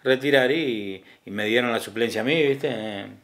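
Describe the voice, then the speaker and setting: A middle-aged man with an Argentine Spanish accent speaks in an easy, conversational way at a medium pitch. He stops and starts, repeats words and often checks in with his listener. He sounds like a hospital ambulance driver telling his story. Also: normal speed, a bit bright. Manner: hesitant, repeats words, adds tag questions. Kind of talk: casual interview talk.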